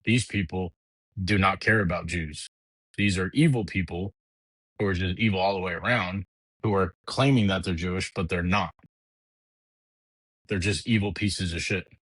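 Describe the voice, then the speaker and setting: A middle-aged man with a very low, deep voice rants on his podcast. He talks bluntly and heatedly, swears freely and often restarts his sentences. The sound is dry and close, with almost no room around it. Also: moderate pace, long pauses, fairly bright tone, husky, dry recording, low-quality recording. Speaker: podcast host. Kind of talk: casual political rant.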